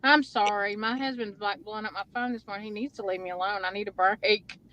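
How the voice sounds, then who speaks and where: A woman calling in to a livestream and speaking earnestly and emotionally about her spiritual feelings, often halting mid-thought. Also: mid-range voice, steady tone, sharp tone, highs cut off. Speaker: caller. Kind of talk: casual spiritual chat.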